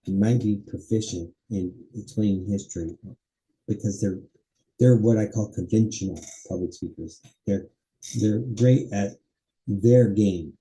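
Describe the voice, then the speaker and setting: A man teaching a college public speaking class, lecturing casually and acting out quick everyday dialogue as examples. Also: on the low side, warm tone, rough recording. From Los Angeles area. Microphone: webcam or computer mic while presenting slides.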